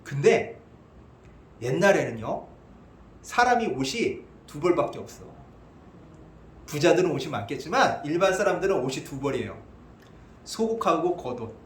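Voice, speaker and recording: A male pastor preaching an expository sermon, animated, asking the congregation questions and answering them himself. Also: fairly high pitch, normal speed, pauses often, a little hiss or hum. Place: church sanctuary. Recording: echoey church hall.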